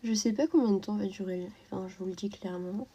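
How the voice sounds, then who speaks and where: A woman's voice: medium pitch, fast talker, dark tone, breathy edge, muffled recording. A young woman hosting a casual live stream from home, talking through a stuffy nose and sniffling from a cold, chatty and greeting viewers by name. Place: at home while colouring.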